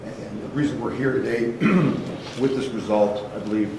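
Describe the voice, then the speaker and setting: A man acting as prosecutor, addressing the court in a halting way with many fillers, captured in a courtroom recording. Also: medium pitch. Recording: echoey courtroom, distant mic, noise.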